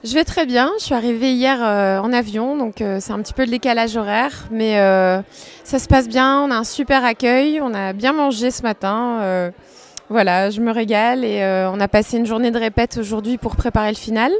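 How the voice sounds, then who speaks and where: A dancer from France answering interview questions in a loose, chatty way. She hesitates often and fills pauses as she thinks. Her voice sits on the higher side for a woman. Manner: hesitant, many fillers. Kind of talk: casual interview chat.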